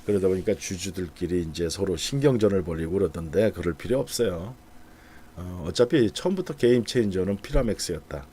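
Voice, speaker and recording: Slight background noise sits behind a middle-aged man's low, dark voice as he speaks a little fast. He chats to viewers about the market while going through stock charts, thinking aloud and filling pauses.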